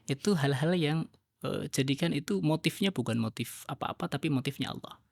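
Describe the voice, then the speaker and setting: A man, an Islamic teacher, speaking as a guest on a podcast and explaining his views in an animated way. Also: a little high, normal speed, vocal fry, no room sound, studio quality. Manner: animated, acts out quoted dialogue in a raised voice. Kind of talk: podcast conversation.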